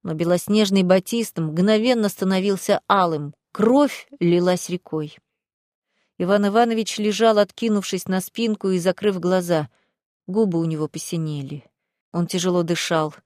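A woman's voice: lowish voice, fairly even intonation, moderate pace, a little mellow, dry recording, studio quality. A woman reading a first-person story aloud in a dramatic, tense way. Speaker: audiobook reader. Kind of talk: first-person audiobook narration.

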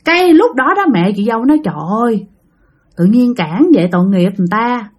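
A woman's voice: mid-range voice, expressive, fast talker, darkish tone. A woman telling a ghost story in a chatty, repetitive way, talking straight to her listeners. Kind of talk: casual spoken ghost story told to listeners.

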